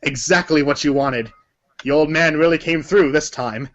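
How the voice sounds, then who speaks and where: A man with a fairly high, fairly bright voice reads a scripted second-person story at a moderate pace. He delivers it theatrically and emphatically, like a read-along book. The recording sounds slightly dull.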